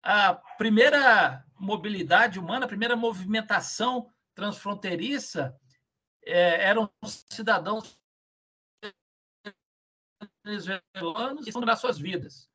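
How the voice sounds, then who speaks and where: Male lecturer, high bright husky voice, audio choppy with buffering stutter from a weak video-call connection. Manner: halting, with frequent fillers. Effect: buffering stutter, audio breaking up on a weak connection. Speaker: guest speaker. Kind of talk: academic lecture.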